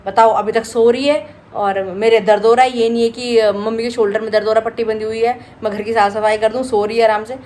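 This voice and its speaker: A woman vlogging at home, chatting casually to camera and retelling her day in an animated way. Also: fairly high pitch, fast, hardly any pauses. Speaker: vlogger, host of a family daily vlog.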